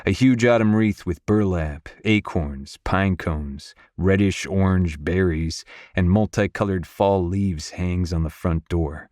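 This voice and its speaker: A man narrating a romance audiobook in first person, in a gruff, brooding manner on a close studio mic. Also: deep voice, takes it slowly, few pauses, a little mellow, dry recording.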